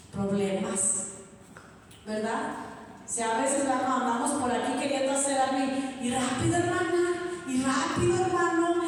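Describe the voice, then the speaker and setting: A woman's voice: sits high, slight background noise. A woman preaching a sermon, often asking the congregation to agree and drawing out key words in a half-sung tone. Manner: keeps asking the congregation "¿verdad?". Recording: echoey hall, distant mic.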